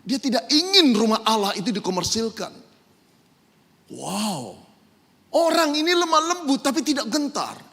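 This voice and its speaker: Man, sermon, high lively voice, husky, long hall reverb. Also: moderate pace, long pauses. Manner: animated preaching, swinging from loud emphasis to soft asides. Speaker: pastor.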